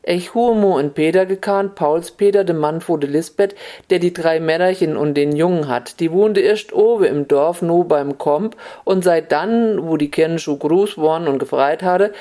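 A storyteller reading a tale in Upper Hessian dialect, drawing out key words slowly. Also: mid-range voice, dark tone.

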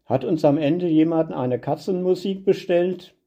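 A man voicing a grumbling old father with a gruff, low voice, in a dull lo-fi storybook reading. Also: measured pace, mellow. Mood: calling out.

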